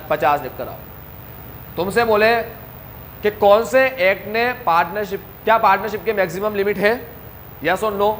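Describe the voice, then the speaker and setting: High-voiced man teaching a coaching class, drilling students with questions and answers. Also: a bit bright, slight background noise. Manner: talks straight to students, asks questions and answers them himself. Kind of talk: classroom lecture.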